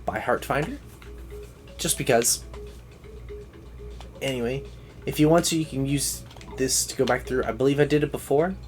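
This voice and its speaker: A man's voice: medium pitch, normal speed, pauses often, soft background music. A man livestreaming a video game with casual, rambling commentary, thinking aloud as he plays.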